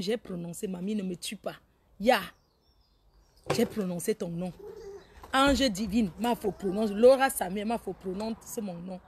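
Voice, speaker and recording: A woman hosting a casual live stream, reading out viewers' names and teasing them in an animated way. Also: medium pitch, a little hiss or hum. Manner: animated, teasing, laughs often, scolds viewers. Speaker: Facebook live host.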